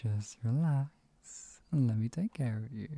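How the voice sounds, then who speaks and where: A performer voicing a teasing, possessive villainous hypnotist in a soft, breathy ASMR role-play, coaxing and lulling a captive pet. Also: medium pitch, takes it slowly. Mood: smug, doting. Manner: soft coaxing murmur slipping into close speaks softly.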